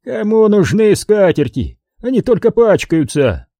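A man's voice: high voice, big pitch swings, measured pace, dark tone, no echo, studio quality, pitched above the performer's own voice, full character voice. A man voicing an easygoing, chatty older café owner, wheedling and jokey, in an audiobook. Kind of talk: audiobook character voice.

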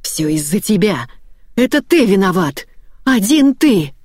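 A narrator voicing a distraught, hysterical mother who lashes out with sharp shouted outbursts in an audiobook story. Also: mid-range voice, animated, moderate pace, no room sound, studio quality, natural voice.

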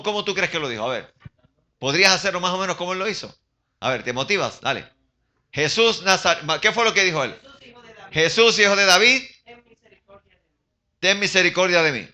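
High-voiced older man preaching. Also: fairly quick, long pauses. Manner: animated, questions the congregation, mixes in English. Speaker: pastor. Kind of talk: sermon. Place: church.

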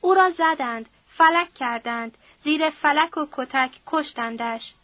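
A woman's voice: high voice, dry recording, lo-fi sound, close to an everyday voice. A woman voicing a grieving, frightened widowed mother who speaks in a sorrowful, pleading way.

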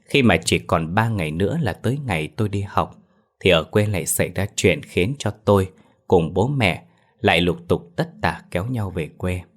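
A man narrating a horror story in a steady, somber way. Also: deep voice, moderate pace. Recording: faint background music.

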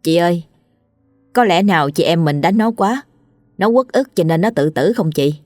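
A woman's voice: on the low side, expressive, normal speed, darkish tone, no echo, studio quality, faint music behind, close to an everyday voice. A woman voicing a callous younger wife who asks an uneasy question.

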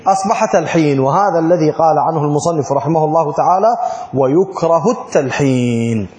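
A man's voice: a little high, quick pace, a little mellow. A man teaches a lesson on religious law. He stops often to quiz his students and chants sample phrases. The sound echoes with a long reverb, as in a large hall. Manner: asks students frequent check questions; chants call-to-prayer phrases as examples. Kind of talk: classroom lesson.

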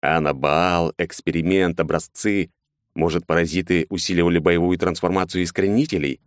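A man with a very low voice reads an audiobook in a steady, measured way. The recording is close and dry, with no room sound. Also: clear, resonant tone, no room sound. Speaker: audiobook narrator. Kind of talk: scripted audiobook narration.

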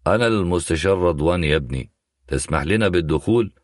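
A man's voice: sits low, lively intonation, fast talker, darkish tone, dry recording, studio quality. A man voicing a pompous, domineering older retired legal counselor with an Egyptian accent, speaking with boastful insistence. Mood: self-assured. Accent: Egyptian Arabic.

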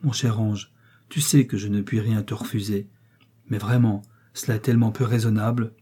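Haughty yet tender prince, soft concerned delivery, very dark husky voice, read by a man. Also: lowish voice, steady tone, normal speed. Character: proud aristocratic prince, tender with his wife.

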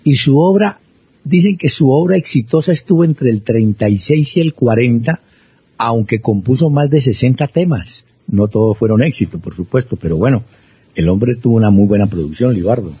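A man hosting a radio show, explaining things in a relaxed way to his co-host. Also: mid-range voice, moderate pace, husky, dry recording. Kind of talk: conversational radio commentary. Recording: dry, dull lo-fi broadcast.

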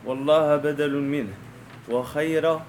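A man reading a classical grammar text aloud in a class, in a measured way and pausing at hard words. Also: a little high, steady tone, darkish tone, a little hiss or hum.

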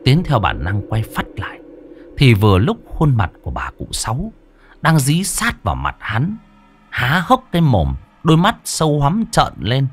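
A man's voice: mid-range voice, huge pitch swings, moderate pace, slightly rough, soft background music. A man narrating an audio story in a dramatic, earthy, colloquial way.

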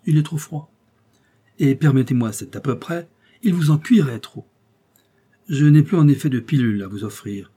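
Man voicing a detective, shrewd, earnest, lecturing tone, mellow husky voice, audiobook. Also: mid-range voice, moderate pace, long pauses, voice pushed up, lightly acted. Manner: explanatory, emphatic, slightly theatrical. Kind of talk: audiobook character reading.

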